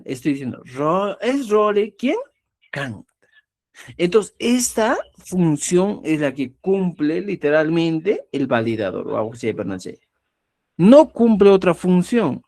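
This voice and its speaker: Language teacher, animated pitch, emphatic, frequent check-ins. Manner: lively, stresses example words by shifting tone. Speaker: Quechua writing teacher. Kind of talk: explanatory lesson.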